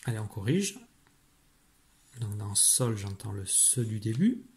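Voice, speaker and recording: His voice is fairly low, a little mellow, with a breathy edge and big swings in pitch, and he never hurries. This primary school teacher patiently guides a pupil through spelling dictation, explaining step by step and speaking to them directly.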